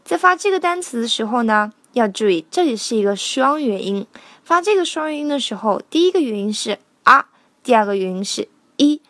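A woman teaching a song line by line, patiently explaining pronunciation and slowly singing out each sound. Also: on the high side, expressive, fairly bright tone, no room sound.

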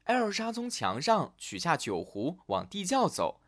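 A man narrating a fairy tale for listeners in an expressive storytelling manner. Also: high-pitched, measured pace.

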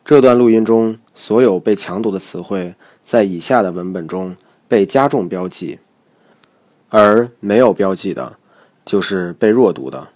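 A man with a very low voice narrates a recorded language lesson. He explains each point step by step in a measured, methodical way. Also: a little mellow. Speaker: English pronunciation teacher.

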